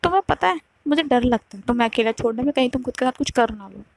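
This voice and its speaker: A possessive young woman who keeps demanding answers, insistent and volatile, as a woman storyteller plays her. Her voice sits a little high and gravelly, recorded close and dry. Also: lively intonation, fast, dry recording.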